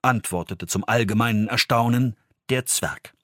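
A man reading a fairy tale aloud as the narrator, in an expressive storytelling manner. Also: mid-range voice, normal speed, faint music behind.

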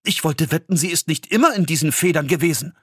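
A man voicing a small, kindly dwarf cook who talks in a lively, gentle way. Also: on the high side, fast talker, breathy edge, no room sound, studio quality, pitched above the performer's own voice. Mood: amazed.

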